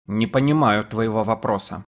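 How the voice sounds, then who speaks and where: A man reading an audiobook voices a weary, evasive priest who gives curt, reluctant answers in a low, subdued voice. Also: moderate pace, close to an everyday voice. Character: weary naked male priest, terse and evasive.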